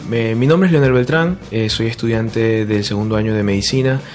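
A young man from Venezuela, a medical student, answering haltingly in an interview with many restarts. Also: on the low side, a little mellow. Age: young adult. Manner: halting, with repeats.

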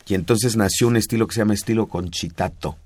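A Mexican man with a low voice talks through music history in a patient, teacherly way, often repeating his points. The sound is dry and close, with no room echo. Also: fast talker, darkish tone. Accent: Mexican Spanish. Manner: didactic, patient explaining with repetitions. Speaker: music expert guest. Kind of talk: explanatory radio talk.

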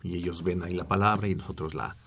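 A man's voice: low-pitched, steady tone, quick pace, fairly bright tone, a little hiss or hum. A middle-aged man, a researcher explaining speech technology in a radio studio at length, with fillers and restarts.

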